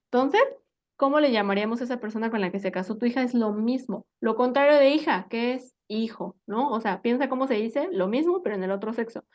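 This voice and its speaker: A woman with a slightly high voice teaches English vocabulary. She is patient, asks her student questions and keeps checking they follow along with little tag questions. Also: brisk, darkish tone. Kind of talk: live English vocabulary lesson.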